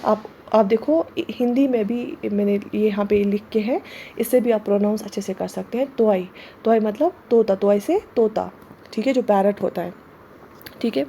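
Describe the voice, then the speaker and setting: This woman's voice is mellow and mid-range, with a little background noise behind it. Running an online exam-prep class in Urdu, she spells out letters and words, says them again slowly, and keeps checking on students with "theek hai".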